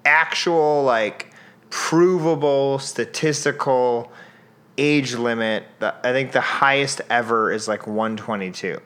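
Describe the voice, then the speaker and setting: A man's voice: medium pitch, slow pace, fairly bright tone. A young man co-hosting a podcast, chatting casually with jokes and lots of fillers. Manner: joking, rambling with many fillers. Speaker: podcast co-host. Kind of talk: casual chat.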